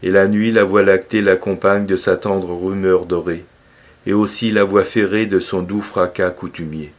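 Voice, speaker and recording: A man reciting a poem aloud in an expressive, lilting manner, his emphasis rising and falling from line to line. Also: sits low, normal speed.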